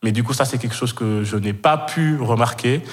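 A man's voice: mid-range voice, moderate pace. A man in his twenties, from Senegal and raised in Kenya, telling a personal story as a podcast guest. He talks hesitantly, with many fillers and repeated words, and laughs often. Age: 20s.

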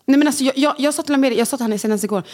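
A woman in her thirties co-hosting a casual podcast chat, telling stories and acting out the quotes. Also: high voice. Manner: animated storyteller, acts out quotes. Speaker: podcast co-host.

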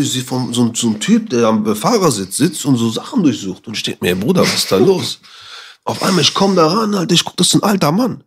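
A young man casually telling animated anecdotes in street slang, quoting what others said, as a streamer chatting with friends. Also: medium pitch, breathy edge. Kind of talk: casual storytelling chat.

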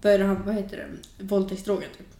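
A young adult woman telling a personal story in casual chat, animated and full of fillers. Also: mid-range voice, creaky. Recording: roomy echo.

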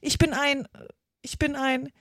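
A woman's voice: on the high side, animated, moderate pace, a little mellow, no echo, studio quality. A woman voicing an earnest, easily flustered little girl in a storybook reading, protesting indignantly. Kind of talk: audiobook character reading.

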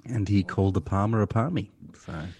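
A very deep, husky Australian man makes laid-back, dry remarks about a dating show. His tone is dark and mellow, recorded close and dry. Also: fast talker, dry recording. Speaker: podcast co-host. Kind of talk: casual chat recapping a reality show.

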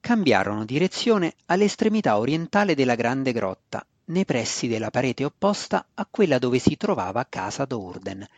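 A male narrator reading a fantasy audiobook in a measured, even way. His voice sits at an ordinary middle pitch, recorded close and dry with no room sound. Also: no echo.

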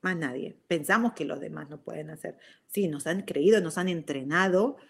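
A woman with a Rioplatense Spanish accent talks about self-love in a relaxed, expressive way. She often restarts her sentences and slips English words into her Spanish. She keeps turning to her listeners with a quick "ok?". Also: sits low, gravelly, husky. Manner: addresses listeners directly with frequent "ok?". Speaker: self-help speaker. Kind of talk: casual motivational talk.

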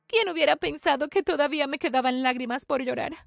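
A woman's voice: high voice, fast talker, creaky, slight background noise. A woman narrating a first-person story in a scripted, dramatic, emotional way.

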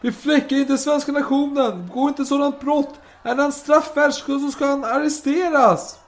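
A man's voice: very high-pitched, fairly even intonation, pitched above the performer's own voice. A man voicing an indignant captain exclaiming his protest to a crowd.

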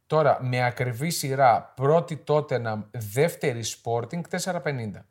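A man co-hosting a football podcast, giving plain-spoken, opinionated takes in a casual chat. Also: mid-range voice. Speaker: podcast co-host.

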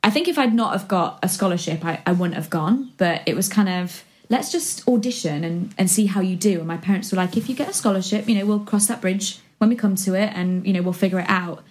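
A woman's voice: mid-range voice, fairly quick, few pauses, darkish tone. A woman in her twenties from West Yorkshire, chatting casually as a guest, rambling with lots of ums and likes. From West Yorkshire, England. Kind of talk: casual chat.

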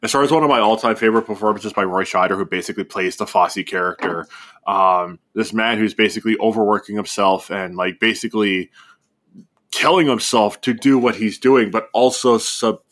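A man co-hosts a podcast, rambling loosely through a casual film discussion with lots of fillers and restarts. His voice is fairly low, a bit bright, and he talks a little fast.

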